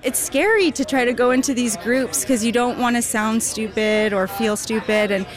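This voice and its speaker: A woman's voice: on the high side, moderate pace, music in the background. A woman club member speaking eagerly and earnestly in an interview. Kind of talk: casual interview.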